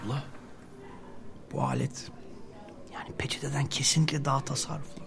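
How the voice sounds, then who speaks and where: An actress playing a frantic, clingy younger sister who talks in a whiny, tearful way. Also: female voice, extremely low pitch, brisk, vocal fry, whispered, music in the background. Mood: anxious. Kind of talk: audio drama acting.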